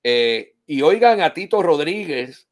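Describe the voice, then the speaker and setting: A man's voice: a little high, sing-song, slow. A man hosting a casual online interview, telling stories with playful asides. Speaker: host.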